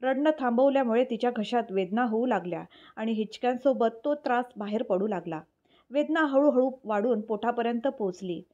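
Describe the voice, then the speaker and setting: A woman narrating a dramatic family story in an even, steady reading voice. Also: a little high, normal speed. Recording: dull lo-fi recording.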